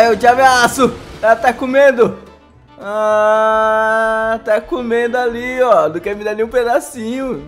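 A Brazilian man with a very high voice gives casual commentary over his own gameplay. He is excitable, often breaks into laughter and keeps calling out to his viewers. Faint game music plays underneath. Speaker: gaming YouTuber.

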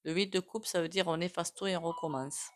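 A woman's voice: fairly low pitch, fairly even intonation, fairly quick. A woman with a regional French accent doing a casual spoken tarot reading, musing aloud in a loose, conversational way. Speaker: tarot reader and psychic.

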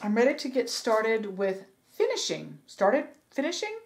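With a high-leaning voice whose pitch swoops wildly, this woman speaks unhurriedly and creakily. She's a DIY furniture vlogger giving casual how-to narration of a refinishing project, rambling with fillers and self-corrections. A camera mic in her sewing room picks up slight background noise.

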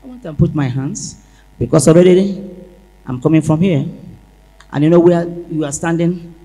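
Woman telling an animated testimony. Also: sits low, moderate pace, husky. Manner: animated storytelling, acting out dialogue. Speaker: church member giving testimony. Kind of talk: emotional church testimony. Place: large church hall. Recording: echoey church hall.

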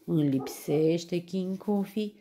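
A woman's voice: lowish voice, a crowd in the background, voice pushed up, natural voice. A woman doing a fussy old meerkat granny. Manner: fussy, sniffling, scolding. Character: fussy elderly female meerkat grandmother.

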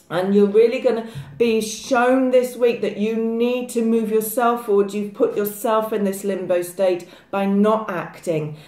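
Brisk woman in an echoey room. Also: mid-range voice, a little mellow. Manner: direct, brisk, chatty, speaks straight to viewers. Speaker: psychic tarot reader. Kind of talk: weekly tarot forecast to camera.

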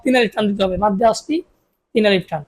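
A woman teaching Quran reading, spelling out syllables and drawing them out slowly, asking questions and answering them herself, with a Bangladeshi Bengali accent. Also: medium pitch, darkish tone. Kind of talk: spelling-out recitation lesson.

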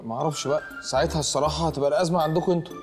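A man's voice: fairly high pitch, steady tone, rapid-fire, faint music behind, close to an everyday voice. An actor playing a dim-witted, childish young man who whines and pleads, with an Egyptian accent. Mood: whiny bumbling. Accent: Egyptian Arabic. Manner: whiny, pleading.

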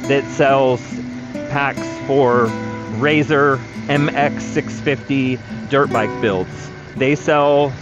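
A man in his thirties talks plainly and practically while riding a four-wheeler along a riverside trail. His voice sits at an ordinary pitch and comes through a dull, lo-fi action camera mic. Clear background music plays underneath. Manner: practical, matter-of-fact, speaking while riding. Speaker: vlogger, electric vehicle builder. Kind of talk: casual explanatory ride-along talk.

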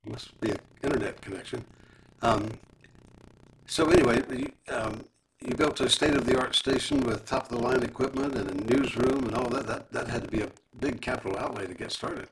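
A man's voice: mid-range voice, normal speed, vocal fry, noisy background. A man interviewing a guest over a remote call, asking questions with frequent hesitant ums, his audio staticky and breaking up. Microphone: remote call connection.

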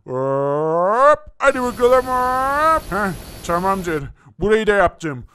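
A man's voice: high voice, big pitch swings, takes it slowly, pushed and bright, slight background noise, exaggerated voice. A man voicing a cheerful superhero who narrates his own rescue moves in a boastful way. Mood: heroic.

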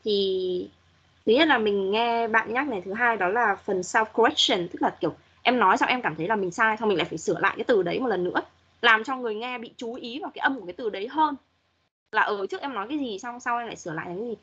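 A woman's voice: fairly high pitch, quick pace, a bit bright, husky, muffled recording. A woman English teacher giving patient, corrective feedback to students in an online class, modeling pronunciation as she goes.

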